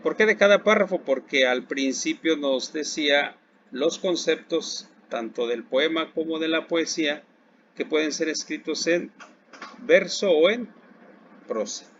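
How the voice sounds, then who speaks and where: A man with a Mexican accent gives a recorded lesson in a slightly higher voice. He talks very slowly, poses questions and answers them himself. The recording is dull and lo-fi, with faint hiss in the background. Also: lively intonation, fairly bright tone. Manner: slow, deliberate, asks questions and then answers them. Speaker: secondary school Spanish teacher.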